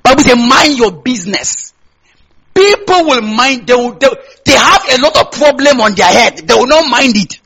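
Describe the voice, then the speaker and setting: A man's voice: very high voice, lively intonation, brisk, vocal fry, few pauses, pushed and bright. A man from northern Nigeria with a Hausa accent preaches a sermon conversationally, repeating phrases and putting questions to his listeners. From Kaduna State, Nigeria. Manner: conversational, repeats phrases, asks listeners to complete or confirm lines. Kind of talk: sermon to a congregation.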